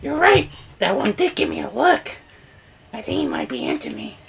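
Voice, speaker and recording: Excitable kid game hero: very high, creaky, swooping, with some background noise. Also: male voice, moderate pace, full character voice. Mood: earnest.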